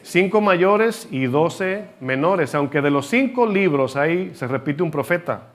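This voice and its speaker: A man delivers a sermon in a somewhat high-pitched voice. He teaches from scripture, tosses rhetorical questions at his listeners and has the congregation repeat words back to him. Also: expressive, measured pace. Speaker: preacher.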